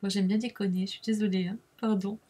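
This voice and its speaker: A woman's voice: mid-range voice, level tone, fast, warm tone, breathy edge. A middle-aged woman with a French accent chatting casually through a crafting tutorial, jokey and self-deprecating, dropping "hein" and fillers as she works. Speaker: craft video host. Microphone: webcam mic at the desk.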